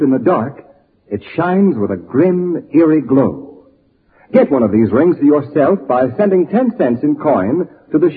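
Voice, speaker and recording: Old-time American radio announcer, muffled and husky. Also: male voice, on the high side. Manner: dramatic, formal old radio announcer delivery. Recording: muffled old radio recording, faint music behind.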